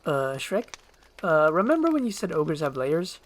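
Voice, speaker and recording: A man's voice: fairly high pitch, big pitch swings, moderate pace. Donkey, a man doing a panicky motor-mouthed donkey. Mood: nervous. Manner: rambling, panicky, pleading. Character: jittery, motor-mouthed male talking donkey, cowardly but boastful. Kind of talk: storybook screenplay read with character voices.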